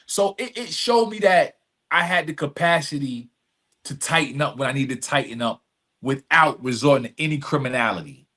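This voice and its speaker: This time the man's voice sits at medium pitch, sounding pushed and bright, with lively intonation at a normal speed. He candidly recounts personal stories as a podcast guest, emphatic throughout, with street slang and repeated phrasing over a long conversation.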